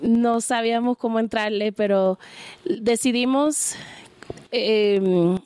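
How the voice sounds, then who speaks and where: A young woman from Puerto Rico, a musician, casually talking about her band's song choices in relaxed, halting phrases. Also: fairly high pitch, smooth, no room sound. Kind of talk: casual interview about the songs.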